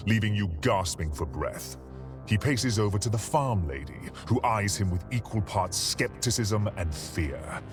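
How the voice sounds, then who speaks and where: A man reading scripted, dramatic narration as the narrator of a game. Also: low voice. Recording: music behind the voice.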